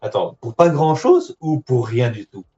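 A man talks over a phone line from a handset lying on his lap, so his voice comes through dull and lo-fi. Faint music plays underneath. He speaks in a middle pitch, casual and hesitant, thinking aloud with plenty of fillers. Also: huge pitch swings, unhurried, warm tone. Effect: heard over a phone line. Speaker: co-host guessing in a radio game. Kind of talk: casual live web-radio banter. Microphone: phone lying on his lap, away from his mouth.

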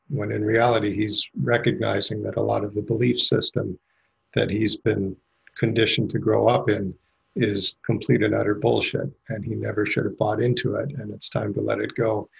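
Middle-aged guy rambling into a mic at a meditation group, super gravelly and husky, lowish voice. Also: little pitch movement, moderate pace, low-quality recording. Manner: rambling, candid, many fillers. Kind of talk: group discussion share. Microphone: handheld mic passed around.

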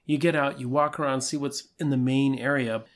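A man co-hosting a travel podcast, talking in a relaxed, easygoing way and laughing at himself. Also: mid-range voice, fairly quick. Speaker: podcast co-host. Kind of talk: casual travel podcast chat.

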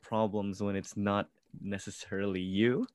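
A man's voice: on the low side, fairly even intonation, a little slow, darkish tone, no room sound, studio quality. A man who grew up in California and is a songwriter, giving casual interview answers with many fillers and restarts. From born in the Philippines, grew up in California. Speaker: musician, songwriter.

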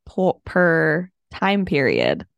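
A young woman co-hosting a casual podcast, with vocal fry, rambling with many "like" fillers. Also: low-pitched, huge pitch swings, very slow, no room sound, dull audio. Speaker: co-host. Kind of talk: casual chat.

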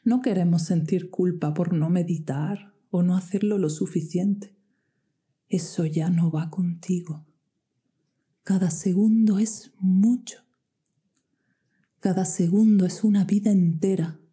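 A woman guiding a meditation in a soft, slow voice that often drops to a whisper. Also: fairly low pitch, steady tone, breathy edge. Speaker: meditation guide. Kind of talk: guided meditation. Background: soft music with singing bowls.

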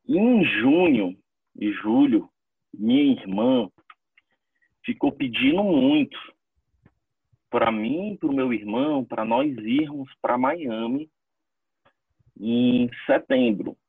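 A man speaks haltingly about loss, his husky voice thin and narrow like a phone line. He keeps checking in with his listener as he goes. The sound is close and dry. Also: mid-range voice, very animated, dry recording. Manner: grieving, halting, repeats entendeu. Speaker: interviewee, bereaved brother. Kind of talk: emotional testimony.

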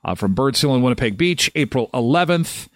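A man's voice: medium pitch, animated, a little fast, dry recording, studio quality. A man hosting a live morning show, joking and rambling with lots of fillers. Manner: jokey, rambling, many fillers. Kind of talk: casual live show chat.

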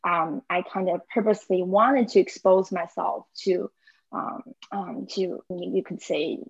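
A woman's voice: on the low side, steady tone, measured pace, vocal fry, breathy edge, no room sound. Young woman from south china, podcast guest, lots of ums, dry muffled sound. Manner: hesitant, many fillers, frequent laughs. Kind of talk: casual conversation.

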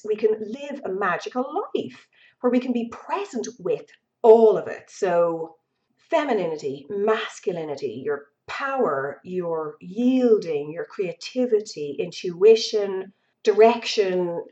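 A woman's voice: mid-range voice, darkish tone. A woman giving an earnest, reflective spiritual talk, stretching out key words as she speaks. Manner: earnest, unhurried, drawn-out emphasis on words. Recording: dull lo-fi recording.

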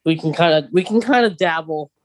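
This podcast co-host is a man with a fairly high voice who speaks fairly quickly. He's a talkative, enthusiastic fan, keeping things casual and eager while dropping plenty of ums and other fillers.

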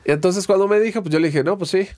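A Mexican man in his younger years chats casually as an interview guest, his voice sitting a little higher than most men's. He wanders through stories in loose slang, restarting his sentences as he goes. The sound is dry and close, with no room around it. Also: fast, no echo. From Guadalajara, Mexico. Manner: relaxed, rambling storytelling with slang and restarts. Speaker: guest, guitarist and producer.

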